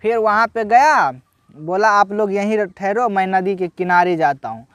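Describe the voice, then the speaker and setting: A man with a high-pitched voice narrates a devotional folk story at a slow, halting pace. He voices the characters' quoted lines as he goes. The sound is dry and close. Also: a bit bright, smooth, dry recording. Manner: unhurried, halting retelling with restarts and acted quotes. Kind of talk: casual spoken religious story.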